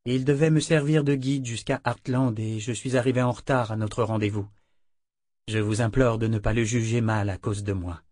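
A man voicing a calm, quietly menacing young woman traveler. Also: mid-range voice, dry recording, studio quality, natural voice. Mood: cool. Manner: slow and cool.

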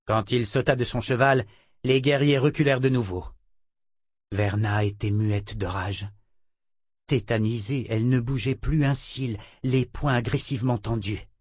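A man narrating a fantasy novel in a measured, dramatic reading. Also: medium pitch, steady tone, no room sound, studio quality. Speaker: audiobook narrator.

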